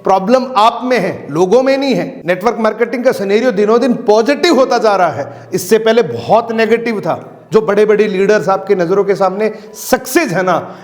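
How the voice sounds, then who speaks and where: A man giving an emphatic motivational training talk on network marketing, repeating his key phrases. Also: high voice. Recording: long hall reverb.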